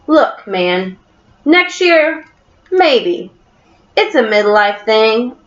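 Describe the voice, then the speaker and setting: Woman doing a mellow hippie reindeer, dude. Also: a little high, very animated, very slow, heavily acted. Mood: laid-back. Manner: drawls "man" slangily. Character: laid-back hippie male reindeer, weary. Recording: echoey room, dull lo-fi sound.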